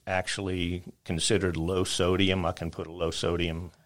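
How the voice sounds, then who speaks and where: Guy with a real low voice telling stories on a podcast, acts out what folks said. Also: moderate pace. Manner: animated storyteller, acts out customers' lines. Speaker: guest, spice rub maker. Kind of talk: casual storytelling chat.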